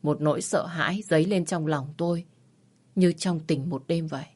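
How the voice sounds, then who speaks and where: A woman reading a romance story aloud in a steady, measured first-person narration. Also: low-pitched, slightly rough. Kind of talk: audiobook narration.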